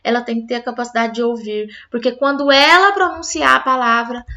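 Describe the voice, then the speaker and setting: A woman's voice: a little high, a little fast, bright, forceful tone, dull audio. A woman teacher explaining a classroom literacy activity to other teachers, often checking in with her listeners. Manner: explanatory, addresses listeners as "gente" with frequent "tá?".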